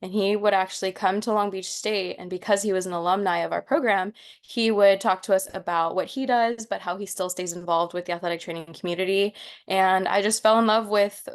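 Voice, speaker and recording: This PA student, a woman in her twenties originally from Mexico, delivers a casual, encouraging online workshop presentation on a video call, using filler words. She speaks fairly quickly in a steady, mid-range voice.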